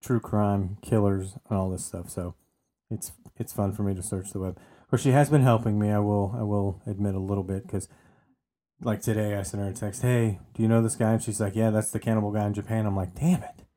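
Mellow-voiced man telling a true-crime story. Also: lowish voice, steady tone, fairly quick. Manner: chatty, often repeats words while restarting. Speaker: podcast co-host telling the story.

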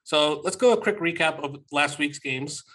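A man moderates a sports podcast in a conversational way. His voice sits a little high and has a bright, forward edge. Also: normal speed.

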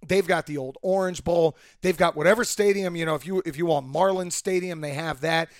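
A man hosting a sports podcast with emphatic, opinionated football commentary, his voice hoarse from a cold. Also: on the high side, a little fast, dry recording, studio quality. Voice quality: hoarse, worn voice.

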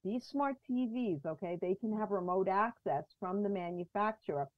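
A woman guest chatting on a video call, her audio muffled and bass-heavy with the highs cut, talking from prepared notes. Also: moderate pace, no echo. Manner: talks from prepared notes, with small restarts. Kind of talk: casual chat on a video call. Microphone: video call through a mixer.

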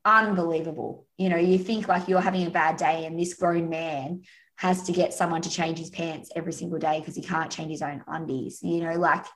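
A woman from Australia with an Australian accent, a podcast guest telling stories in a chatty, animated way over a remote call. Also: lowish voice, fairly quick, rough recording. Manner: chatty storyteller, animated, frequent "you know" and "like". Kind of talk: casual podcast conversation.

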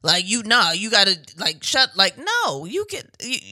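A woman co-hosting a podcast in casual chat, blunt and profane, swinging from low mutters to loud bursts. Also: huge pitch swings, unhurried, dry recording, studio quality. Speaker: podcast co-host.

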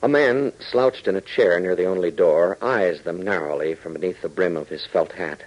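A man's voice: low voice, normal speed, a little mellow, muffled recording. An American man narrating emphatically and dramatically as an announcer in 1940s radio style. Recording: old 1940s radio broadcast recording.

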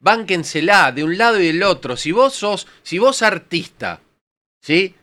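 An Argentine man argues with heat and crude, repetitive emphasis on a streamed panel. His voice sits fairly high and rings bright. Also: big pitch swings, a little slow. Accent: Argentine Spanish. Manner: vehement, crude, repetitive ranting. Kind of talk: heated panel debate.

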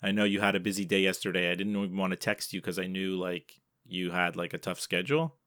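A man's voice: low-pitched, fast talker, fairly bright tone, no room sound, clean studio sound. Chatty man co-hosting a podcast. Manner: chatty, many fillers and restarts. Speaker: podcast co-host. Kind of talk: casual chat.

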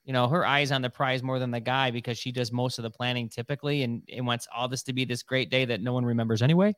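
A man's voice: medium pitch, fairly even intonation, brisk, a bit bright, dry recording. A middle-aged man hosting a podcast, talking in a rambling, chatty way with many fillers. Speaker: podcast host. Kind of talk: casual podcast chat.

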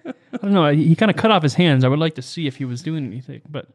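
A man's voice: a little high, lively intonation, quick pace. A man co-hosting a podcast in casual, comedic chat, laid-back and joking, with hesitant fillers. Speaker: podcast co-host.

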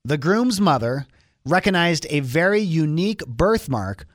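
A woman's voice: low voice, sing-song, a little slow, no echo, clean studio sound. A woman co-hosting a casual chat, asking playful, teasing questions.

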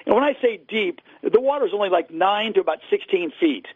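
A man's voice: sits high, animated, brisk, breathy edge, no room sound. A man chatting casually and at rambling length as a radio guest over a tinny phone line. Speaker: interview guest, angler. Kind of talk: casual radio interview chat. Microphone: phone call.

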